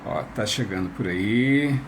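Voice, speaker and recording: The speaker, a man from Brazil, runs an informal live-stream interview over his phone, talking chattily and frequently restarting his sentences. His voice is on the low side and unhurried, with slight background noise.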